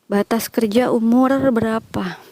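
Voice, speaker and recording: A woman's voice: fairly high pitch, fairly even intonation, measured pace, warm tone, no echo. Chatty Indonesian woman vlogging on a walk. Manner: chatty, reads out and answers live questions. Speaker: vlogger answering viewer questions. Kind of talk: casual chat while walking. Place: outdoors walking through a quiet village.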